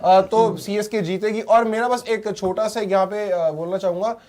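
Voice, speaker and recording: Argue it earnestly, a man, voice sitting high, pausing to think. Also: steady tone, a little mellow. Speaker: cricket panelist backing Chennai. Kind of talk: casual cricket preview chat.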